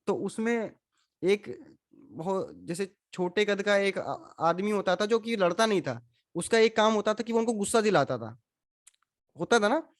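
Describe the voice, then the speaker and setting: A man's voice: sits high, lively intonation, measured pace. A man teaching a scripture class. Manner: questions the audience, mixes in English. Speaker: spiritual teacher. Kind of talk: Gita class lecture.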